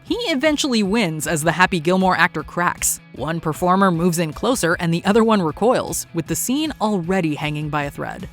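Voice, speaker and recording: A woman's voice: lowish voice, lively intonation, fairly quick, hardly any pauses, faint music behind, some chatter behind. A woman reading scripted countdown narration.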